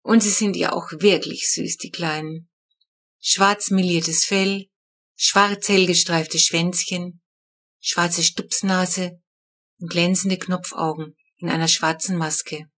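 A woman narrating a children's book with lively, expressive storytelling. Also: fairly low pitch, slow. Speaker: audiobook narrator.

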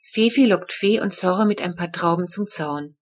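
A woman narrating a children's storybook chapter with a steady, clear reading. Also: fairly low pitch, normal speed. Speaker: audiobook narrator.

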